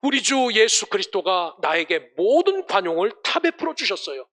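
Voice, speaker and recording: A man's voice: high-pitched, sing-song, moderate pace, fairly bright tone. A male pastor preaching a Sunday sermon, asking rhetorical questions and ending passages with blessings.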